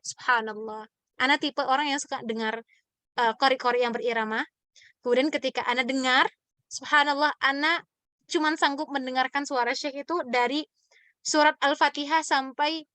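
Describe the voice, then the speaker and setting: A woman's voice: high-pitched, a bit bright, no echo. A woman teaching Quran recitation in a question-and-answer class, explaining with examples and many fillers. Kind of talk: online class Q&A lesson.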